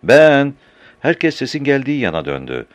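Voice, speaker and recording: A man reading a story aloud in an animated, expressive way, changing his voice for each character. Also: low voice, moderate pace, dry recording. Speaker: narrator.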